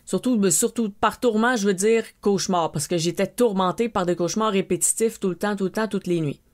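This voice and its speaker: A woman's voice: mid-range voice, brisk. A woman with a Québécois French accent, hosting a podcast and telling a personal story, animatedly acting out her own frightened exclamations. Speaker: podcast host.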